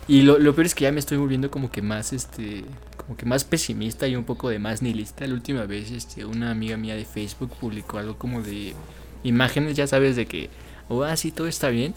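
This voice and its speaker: A young man with a Mexican accent co-hosts a podcast, chatting casually, rambling with fillers, and laughing often. His medium-pitched voice is brisk with a darkish tone, and there is slight background noise.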